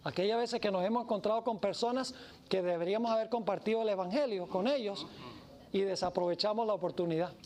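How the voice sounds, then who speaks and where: Preacher, emphatic, mid-pitched voice, faint room noise behind. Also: fast talker, dark tone. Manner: emphatic, acts out the story. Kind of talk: sermon.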